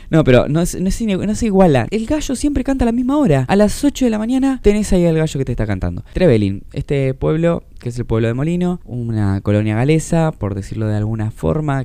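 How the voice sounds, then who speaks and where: A man's voice: on the low side, clean tone, dry recording. A young Argentine man with a Rioplatense accent, hosting a casual solo podcast and telling stories with acted-out quotes and sound effects. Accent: Rioplatense Spanish. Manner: animated storyteller, acts out quotes and sounds. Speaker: podcast host.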